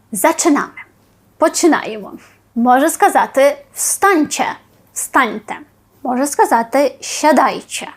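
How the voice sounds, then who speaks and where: A woman with a high voice leads a Polish vocabulary lesson. She says each phrase slowly and carefully, then repeats it in Ukrainian, like a patient classroom teacher. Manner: reads Polish phrases and gives Ukrainian equivalents; slow, careful enunciation of key phrases.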